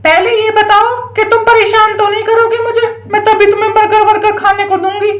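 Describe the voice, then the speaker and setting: Lady doing a stubborn doll mom from a toy story, really high voice, echoey room. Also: little pitch movement, brisk. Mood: bargaining. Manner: scolding, bargaining. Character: stubborn sulking village mother, adult woman.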